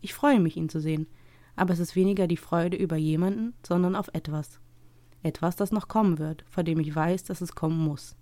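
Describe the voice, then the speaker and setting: A woman narrating a scripted first-person story in a calm, reflective way. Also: fairly low pitch, fairly quick, no room sound.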